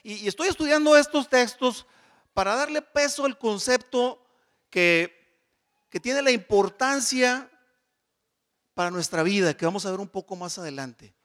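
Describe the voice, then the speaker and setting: High-voiced male Bible teacher. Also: animated, unhurried, long pauses, fairly bright tone. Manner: explains patiently, often checking in with the audience. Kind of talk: teaching a Bible study class.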